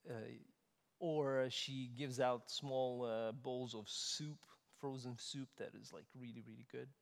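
A male preacher with a mid-range voice, his sermon rolling through a reverberant church hall. He swings between loud, emphatic stresses and quiet, conversational asides. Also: mid-range voice, fairly even intonation, a little slow, creaky. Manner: rises to loud emphatic stresses, then drops soft and conversational.

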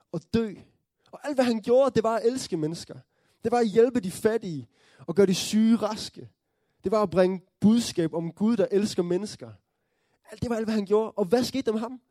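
A man with a high but mellow voice delivers a sermon in an earnest storytelling way. He checks in with his listeners through tag questions and rises into joyful excitement. The sound is dry and close. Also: no echo. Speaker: preacher.

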